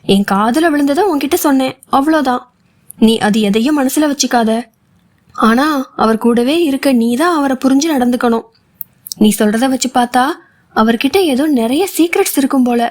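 A woman voicing an anxious, chatty young female friend who fires off rapid worried questions in an audiobook. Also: high voice, darkish tone, lightly acted. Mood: reassuring. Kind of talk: audiobook character voice.

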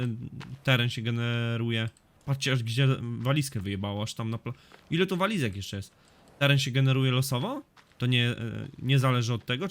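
A man casually narrating his own gameplay, cursing often and getting loud when the action picks up. His voice sits at an ordinary middle pitch. There is clear background noise under the recording. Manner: swears often, excitable reactions to the game. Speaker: gaming YouTuber. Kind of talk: casual let's-play commentary.

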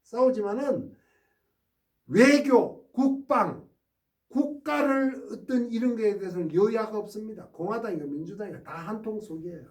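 Male history lecturer, emphatic and questioning; high-pitched and mellow, heard from a distance. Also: moderate pace. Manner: emphatic, prods listeners with rhetorical "eh?". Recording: roomy sound from a distant mic.

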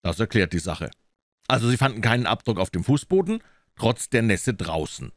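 A man reading a low, measured detective. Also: lively intonation, no echo, clean studio sound, close to an everyday voice. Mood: calm, probing. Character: shrewd calm male detective, middle-aged. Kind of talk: audiobook reading.

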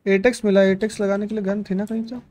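A man streaming a shooter game, chatting casually with a teammate and calling out enemies in quick, excited bursts. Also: high voice. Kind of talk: casual gaming chat with teammate.

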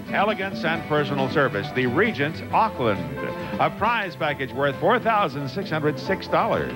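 A man works as a booming game show prize announcer, his fairly high voice swinging in lively, polished sweeps. Loud music plays behind him as he delivers his excited sales patter. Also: poor audio.

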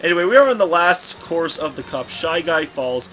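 A man's voice: on the high side, very animated, moderate pace. A young man giving casual, rambling commentary while playing a racing game, often correcting himself mid-sentence. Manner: rambling, scatterbrained, self-correcting. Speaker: let's play commentator. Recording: game music playing behind.

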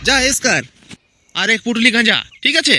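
A man's voice: very high-pitched, animated. A man voicing a bossy, scheming local political boss in a cartoon. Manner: quick, bossy, talks down to his henchmen. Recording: clear background noise.

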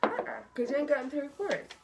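Lively woman slurring through a mouthguard. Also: high voice, fast. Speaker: player in a party game. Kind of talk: playful casual chat. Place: small room at home, around a table. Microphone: camera across the table. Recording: clear room noise, table clicks.

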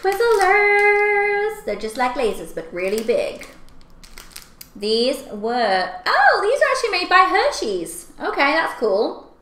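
A young woman with a fairly high, very animated voice chats casually while eating candy and snacks. She reacts expressively to what she tastes. The recording is made in an echoey room at home. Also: a little slow. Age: young adult. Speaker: video host. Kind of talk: casual taste-test chat to camera. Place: small furnished room at home, indoors. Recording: echoey room, clear background noise.

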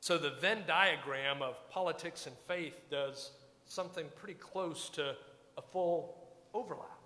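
Speaking unhurriedly, a male pastor preaches from the pulpit in a church sanctuary, his fairly high, bright voice carrying a forceful tone. The delivery is reflective, wry and conversational, and the recording has a long church reverb.

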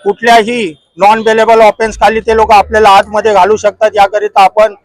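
A man speaks to a reporter at a protest in a high voice that barely rises or falls. He is earnest and stops to restart his words now and then. The sound is dry and close. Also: monotone, brisk, no echo, faint music behind, low-quality recording. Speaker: organization president. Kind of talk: street interview statement. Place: outdoors at a protest.

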